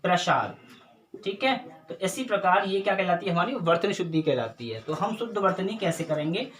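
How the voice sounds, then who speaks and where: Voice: mid-range voice, lively intonation, a little fast, slight background noise. A teacher giving a recorded grammar lesson, patiently explaining step by step, asking and answering their own questions and often checking in with the class.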